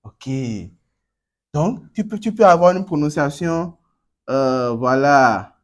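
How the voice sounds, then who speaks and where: Animated man coaching a class. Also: a little high, slow pace. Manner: animated, repeats words and drills students. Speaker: Chinese pronunciation coach. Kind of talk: classroom lesson with students.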